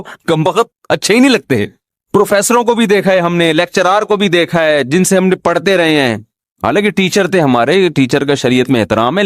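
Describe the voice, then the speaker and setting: A man's voice: high-pitched, no echo, clean studio sound. A man giving an informal, humorous religious talk, often throwing rhetorical questions at his listeners. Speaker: Islamic scholar giving a talk.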